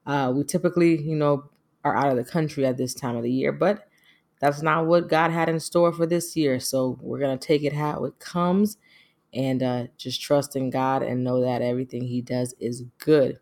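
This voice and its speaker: A woman's voice: rumbling low, fairly even intonation, normal speed, darkish tone. A middle-aged woman speaking casually and earnestly as she hosts a personal podcast, with a reflective, devout manner. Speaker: podcast host.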